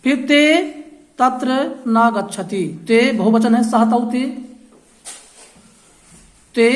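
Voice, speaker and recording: A woman teacher giving a classroom grammar lesson, repeating phrases slowly and quizzing the class. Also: on the high side. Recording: echoey classroom.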